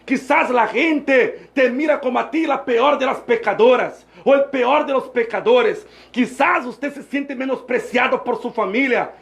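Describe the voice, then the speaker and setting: Man, evangelist sermon, fervent repetitive cadence, very high gravelly voice. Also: a little slow, hardly any pauses, fairly bright tone. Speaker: evangelist preacher. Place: church service with two preachers.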